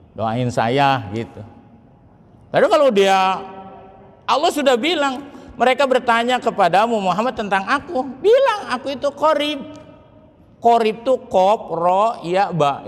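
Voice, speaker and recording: A middle-aged man preaching a lively mosque sermon, joking with the congregation. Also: sits high. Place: large mosque hall. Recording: reverberant mosque hall.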